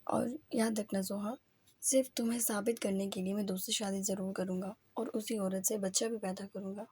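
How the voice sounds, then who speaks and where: A woman's voice: medium pitch, level tone, dark tone, a little hiss or hum, natural voice. A woman voicing a short-tempered young married man who speaks harshly and impatiently in an audio novel. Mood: angry.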